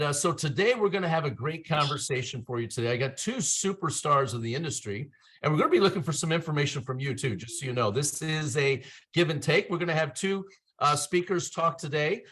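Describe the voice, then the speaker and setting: A man's voice: on the high side, bright, forceful tone, breathy edge. A middle-aged man from Ohio hosting an online meeting, upbeat, folksy and joking, talking over a video call. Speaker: webinar host.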